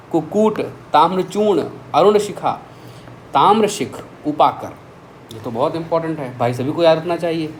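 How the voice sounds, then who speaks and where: A man teaching a vocabulary lesson, reeling off lists of words with quick asides to his students. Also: fairly high pitch, slight background noise. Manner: lively, reels off word lists with quick asides. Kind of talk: exam-prep vocabulary lesson.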